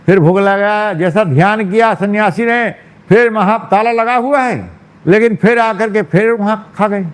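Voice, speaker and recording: A man, a monk, telling a devotional story in a sermon, with lively narration and frequent asides to his listeners. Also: high-pitched, a little slow. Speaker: monk preacher. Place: temple hall.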